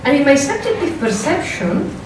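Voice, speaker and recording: In a very echoey lecture hall recorded from a distance with clear noise, a Spanish-accented woman philosopher presents a workshop talk. Her voice sits a little high and is very animated, measured and careful, with hesitant fillers once she leaves her script.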